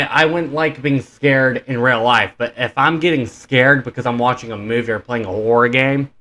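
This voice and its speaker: A man's voice: mid-range voice, bright, forceful tone. A man in his twenties hosting a reaction video, chatting casually and rambling with many fillers. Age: 20s. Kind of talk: casual chat.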